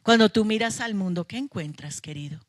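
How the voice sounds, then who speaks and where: A woman's voice: mid-range voice, expressive, brisk, dry recording, clean studio sound. A middle-aged woman pastor, preaching a sermon with emphatic passion and playful asides to her congregation. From Colombia. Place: church sanctuary.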